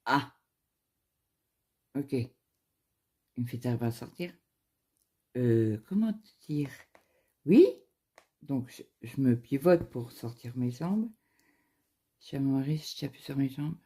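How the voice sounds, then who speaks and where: Young female vlogger, casual storyteller who keeps quoting what people said, husky and dark-toned. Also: a bass voice, animated, slow pace, pauses often. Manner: retells events through quoted dialogue, with frequent fillers and restarts. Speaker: craft vlogger. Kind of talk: casual chat, telling a personal story.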